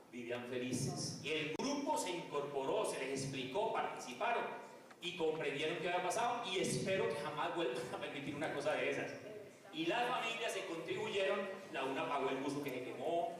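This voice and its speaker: A man gives a lecture in a slightly higher-pitched voice and asks his listeners questions as he goes. He is heard from a distance in a large, echoing hall where the sound rings on. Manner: conversational, asks the audience questions. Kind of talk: lecture on restorative justice. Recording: echoey hall, mic far off.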